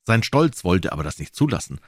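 A man narrating a classic novel with expressive storytelling. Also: low-pitched, fairly quick, dry recording, clean studio sound. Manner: expressive storytelling, voicing the characters. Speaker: audiobook narrator.

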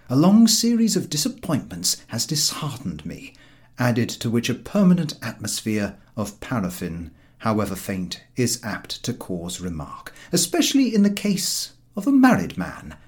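With a mid-range voice, this male audiobook narrator reads a funny story in a wry and expressive storytelling style.

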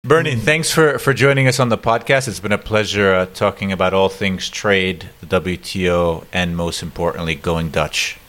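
A man's voice: low-pitched, moderate pace, few pauses, a bit bright. A man co-hosting a podcast, teasing the guest with dry jokes. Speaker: co-host. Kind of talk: casual podcast banter.

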